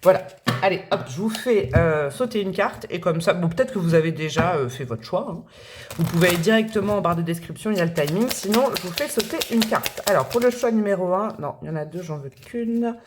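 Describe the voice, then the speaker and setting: A woman's voice: fairly low pitch, lively intonation, a little fast, background noise. A woman hosting a tarot reading to camera, chatting in a rambling way and laughing at herself. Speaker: tarot reader and channel host.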